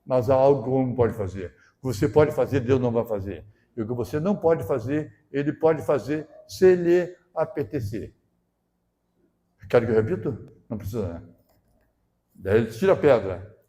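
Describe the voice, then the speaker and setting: A male pastor delivering a sermon. He talks in a conversational way, keeps checking in with the congregation, and swells into loud, emphatic bursts. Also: mid-range voice. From southern Brazil.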